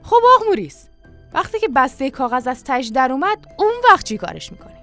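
A woman reading an audiobook, voicing an excitable young farmhand who asks questions in a high, amazed rush. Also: over music.

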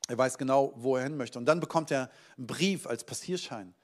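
Man, pastor, sermon, energetic delivery, loud emphasis then quiet asides, mid-pitched voice. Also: fairly quick.

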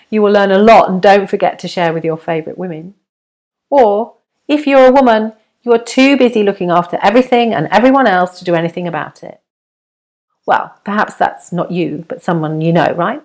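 Encouraging woman narrating her book. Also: medium pitch. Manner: warm, direct address to the reader, encouraging. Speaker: author and narrator. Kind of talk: self-help audiobook narration.

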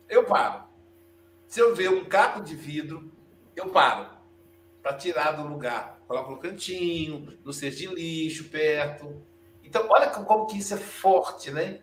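High-voiced Brazilian man in his fifties. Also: a bit bright. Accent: Brazilian Portuguese. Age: 50s. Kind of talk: storytelling a childhood memory. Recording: roomy distant recording with faint hum.

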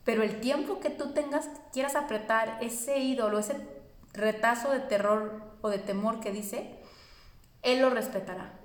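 A woman's voice: on the high side, a little slow, echoey room. A woman, teaching a spiritual course in an earnest, reassuring way, speaking directly to her listeners.

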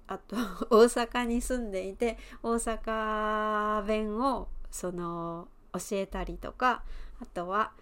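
A woman in her thirties with an Osaka accent hosts a podcast lesson. She talks slowly and easily, explaining each point with plenty of fillers and soft laughs, at a pitch that sits in the middle for a woman. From Osaka, Japan. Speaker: Japanese teacher and podcast host.

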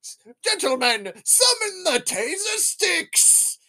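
A speaker acting out a gloating male spider monster villain who taunts and shouts threats while recapping a film. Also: very high voice, very animated, takes it slowly, pitched above the performer's own voice, heavily acted.

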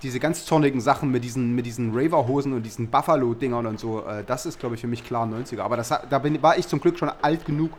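A man's voice: medium pitch, a little hiss or hum. A man co-hosting a podcast, talking casually with dry jokes and many fillers. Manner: quick, joking, many fillers. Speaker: podcast co-host. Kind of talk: casual chat.

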